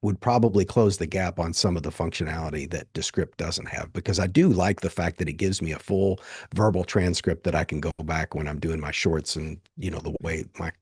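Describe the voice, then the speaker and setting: A man's voice: low-pitched, steady tone, brisk, few pauses, a little mellow, husky, no room sound, studio quality. A man with an Appalachian accent, hosting a podcast interview in casual conversation over a video call. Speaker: podcast host. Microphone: video call, close dry mic.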